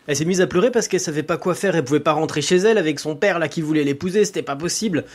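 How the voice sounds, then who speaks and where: A man's voice: a little high, rapid-fire, a little mellow. A man telling a folk tale casually, with fillers and repetitions. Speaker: storyteller.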